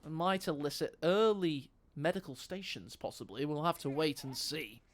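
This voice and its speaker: A playful esports caster with a fairly high, expressive voice calls a live strategy game on stream at a normal speed. He cracks jokes and addresses his viewers directly.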